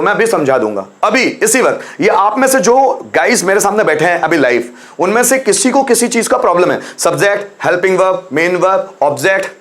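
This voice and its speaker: A young man with a Hindi accent teaching English in a live online class, coaxing students and repeating examples slowly. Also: high-pitched, fairly bright tone.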